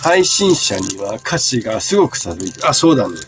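A man's voice: lowish voice, sing-song, brisk, over music. A man in his fifties selling bags on a casual live stream, chatting and answering viewer comments as he shows each item. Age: 50s.

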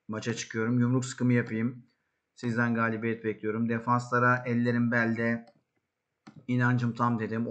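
A man hosting a football management game video, commenting excitedly on the match and shouting at his players. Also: mid-range voice, highs cut off. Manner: excitable, yells at players, then calm asides.

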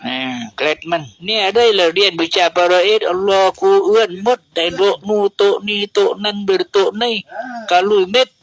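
A man's voice: high voice, steady tone, brisk, poor audio. A man with a Southern Thai accent teaching an Islamic grammar lesson, patiently explaining it word by word. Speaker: religious teacher.

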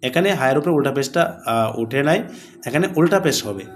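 A man teaching Quran recitation with tajweed rules, explaining patiently and chanting the verses slowly and melodically. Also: mid-range voice, animated. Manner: slow and deliberate, drawing out recited words melodically; patient, repeats words and asks the class questions.

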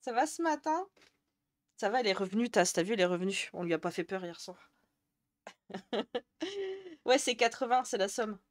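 A woman's voice: mid-range voice, expressive, normal speed, long pauses. Chatty woman streamer answering her chat. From Jura, France. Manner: chatty, answers chat messages, laughs often. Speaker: Twitch streamer. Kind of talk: casual live-stream chat with viewers.

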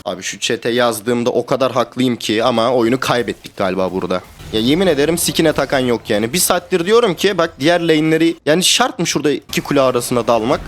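A young man streaming a video game, talking to his teammates in casual live commentary that swings between calm planning and excited shouting and swearing. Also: medium pitch, fast, few pauses. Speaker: gamer streamer.

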